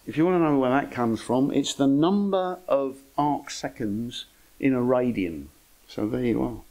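Pria Inggris lebih tua, kuliah santai dan jenaka. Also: male voice, medium pitch, a little slow, darkish tone, poor audio. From England. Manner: dry, wry humour, chatty asides. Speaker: astronomy club speaker. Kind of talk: informal lecture.

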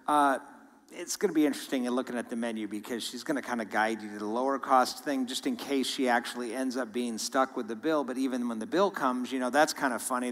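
A male guest speaker giving a sermon in a church, telling stories in an animated way. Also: mid-range voice. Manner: animated storytelling with laughs. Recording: long hall reverb.

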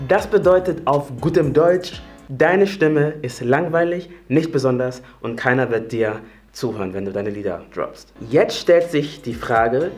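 Animated young male singing coach. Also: on the high side. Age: late 20s. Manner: animated, upbeat and chatty, demonstrating voice types. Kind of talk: YouTube singing tutorial.

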